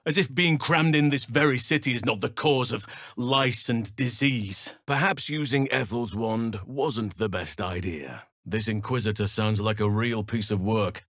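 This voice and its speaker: Here the earnest, war-seasoned druid who protects nature in a fantasy game is played by a man with a medium-pitched, slightly bright voice. He speaks solemnly and deliberately in archaic, formal phrasing, though the mood leans wry and musing. The audio is studio-grade with no echo.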